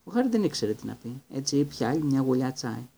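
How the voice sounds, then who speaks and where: A man reading a Greek audiobook in a steady, even storytelling manner. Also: mid-range voice, gravelly. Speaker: audiobook reader. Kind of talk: audiobook narration.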